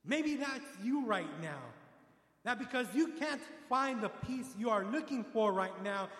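A man preaching a sermon, building from calm storytelling to loud, emphatic passages and acting out voices. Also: very high-pitched, unhurried. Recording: echoey hall with long reverb.

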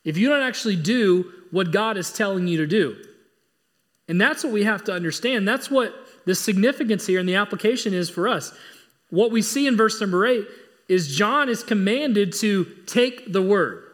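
A pastor preaching a sermon, earnest and emphatic, driving points home through repetition. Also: male voice, high voice, animated, moderate pace.

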